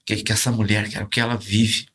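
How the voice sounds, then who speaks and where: In a podcast conversation, a man with a Brazilian Portuguese accent, a pastor, shares his testimony with emotion, performing the quoted dialogue in a raised voice. His fairly low, level voice is fast and fairly bright in tone.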